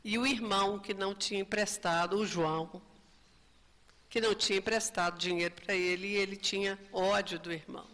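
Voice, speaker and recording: A woman's voice: mid-range voice, fairly even intonation, a little fast, fairly bright tone. A woman giving a spiritist lecture, telling a story and often adding tag questions. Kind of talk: religious lecture. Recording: reverberant lecture hall.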